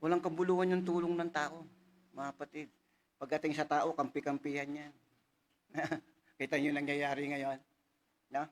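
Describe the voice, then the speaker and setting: A male pastor preaching a casual, conversational sermon, reading scripture slowly and louder and often asking the congregation "right?". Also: on the high side, little pitch movement. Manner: frequent tag questions to the congregation.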